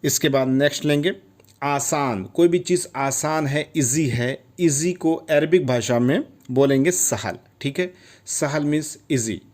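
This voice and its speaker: A man's voice: a little high, measured pace, darkish tone. A man teaching Arabic vocabulary in Hindi, patiently explaining each word and repeating it with frequent check-ins. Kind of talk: vocabulary lesson.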